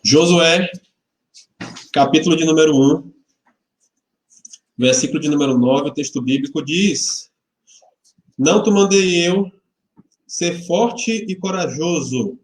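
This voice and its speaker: Fairly high-pitched, slow and pausing often, this pastor of roughly forty from Salvador, Bahia, Brazil hosts a livestreamed service of greetings and prayer. His manner is chatty and informal, with viewers greeted by name and light jokes. The church hall and webcam microphone make it sound roomy.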